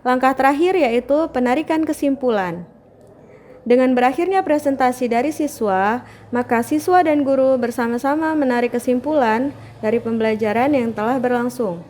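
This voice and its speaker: A woman reads a scripted voice-over about her own classroom lesson in a high voice. Her delivery is formal and even, explaining each step in turn. A faint hiss sits under the recording. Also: moderate pace. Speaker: teacher narrating her lesson video.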